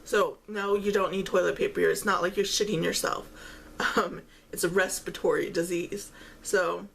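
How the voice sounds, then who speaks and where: A woman chatting casually while eating, chewing as she talks and pausing often between phrases. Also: lowish voice, steady tone, vocal fry, a bit bright, slight background noise. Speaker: vlogger eating on camera while talking. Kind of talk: casual mukbang-style chat.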